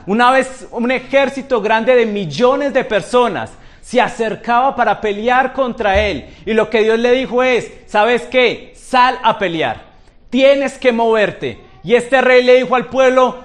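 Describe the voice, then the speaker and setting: A male pastor preaching a sermon in a church, asking the congregation rhetorical questions. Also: very high voice.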